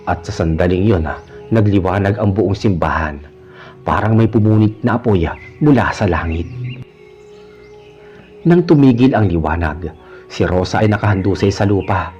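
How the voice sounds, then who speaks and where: Low dark-voiced male horror narrator. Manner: measured storytelling. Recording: dull lo-fi recording with faint music. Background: faint music.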